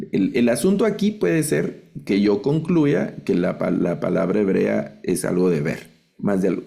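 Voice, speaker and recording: A man's voice: medium pitch, vocal fry, mellow. A man lecturing in an online Bible translation class, explaining patiently and often ending points with a rhetorical question tag.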